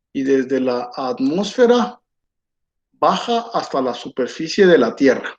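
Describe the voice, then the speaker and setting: A man teaching an online lecture, slow and patient, checking in with his students after nearly every phrase. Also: on the high side, darkish tone. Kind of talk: online lecture while drawing on a board. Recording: dull lo-fi sound.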